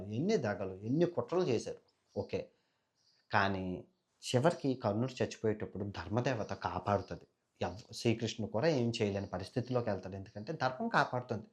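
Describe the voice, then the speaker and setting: A young adult man, a travel vlogger, telling an epic story in an animated, dramatic way. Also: fairly low pitch. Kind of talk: storytelling vlog.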